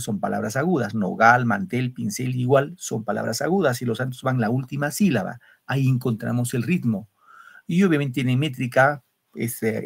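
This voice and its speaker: This male secondary school literature teacher has a creaky, husky voice in the mid range. Teaching online via video call, he breaks the explanation into steps and keeps questioning his students, tagging his remarks with "¿no?".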